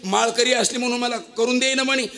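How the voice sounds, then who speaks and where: A man voicing a hungry, hot-tempered village farmer who shouts at his wife and then begs to be untied. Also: very high-pitched, steady tone, fast talker, pitched above the performer's own voice, exaggerated voice. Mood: angry. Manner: shouting, indignant.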